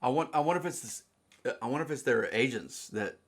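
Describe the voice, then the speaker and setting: A southern man with a Southern US accent, easygoing and rambling as he talks sports on a casual podcast. He often stumbles and repeats the first words of a sentence before getting going. His pitch sits in a middling register. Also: animated, quick pace, a bit bright. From South Carolina, US. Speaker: podcast co-host. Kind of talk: casual chat.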